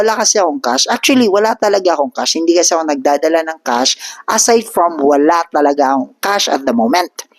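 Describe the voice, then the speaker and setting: A man in his vlog, recounting a street encounter with lively, mid-range energy. The sound is dry and close, with no room around it. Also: on the high side, no room sound. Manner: animated, switches between Tagalog and English. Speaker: vlogger. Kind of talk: casual storytelling.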